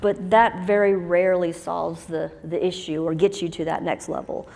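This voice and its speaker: A woman from Huntsville, Alabama talks on a conference panel in a lower voice, chatty and self-deprecating, with plenty of ums. Her voice rings through a large hall with a long reverb tail. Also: level tone, moderate pace, vocal fry, darkish tone.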